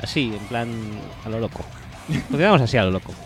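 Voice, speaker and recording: A man's voice: mid-range voice, lively intonation, quick pace, faint music behind. A man co-hosting a podcast, joking, swearing freely and mocking listener comments. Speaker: podcast co-host. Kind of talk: casual podcast banter.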